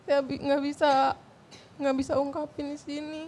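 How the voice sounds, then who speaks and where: A woman with a high-pitched voice talks hesitantly, repeating phrases and trailing off. A faint background hiss sits under her voice. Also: level tone, normal speed, a little mellow. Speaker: guest seeking help. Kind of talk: confessional chat.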